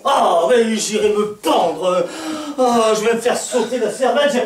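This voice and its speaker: A man's voice: high-pitched, measured pace. A man playing a blustering, indignant father in a stage farce, hammily spluttering his exclamations. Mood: exasperated, despairing. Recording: echoey stage, distant mic, faint noise.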